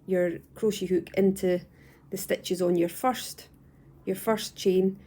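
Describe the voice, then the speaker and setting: A young woman from the UK calmly walking viewers through crochet stitches step by step at home, patient and repeating herself as she goes. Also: lowish voice, slow. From United Kingdom. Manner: calm, patient, repeats and restarts phrases. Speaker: crochet tutor. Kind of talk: step-by-step craft tutorial. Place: at home, indoors.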